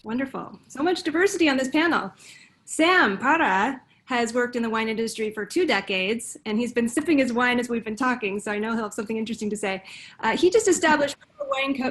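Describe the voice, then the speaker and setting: A woman's voice: a little high, brisk, fairly bright tone. A woman moderating a virtual panel, introducing each guest in an upbeat way.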